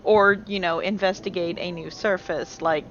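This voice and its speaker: A woman's voice: fairly low pitch, steady tone, normal speed, muffled recording, crowd noise. A woman player chatting casually, teasing the others playfully. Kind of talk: casual chat between game sessions.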